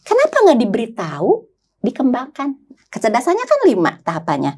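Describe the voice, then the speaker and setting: A woman's voice: a little high, wildly swooping pitch, a little fast, warm tone, husky. An older woman who works as a psychologist, talking in a podcast conversation and telling stories animatedly, acting out her clients' voices.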